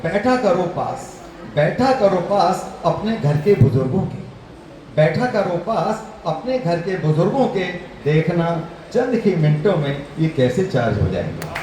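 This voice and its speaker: A man's voice: sits high, very animated, measured pace, warm tone. A man reciting poetry to a live audience, declaiming couplets and repeating each line with rising emphasis. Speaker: poet at a poetry gathering. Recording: very echoey hall, distant mic, faint noise.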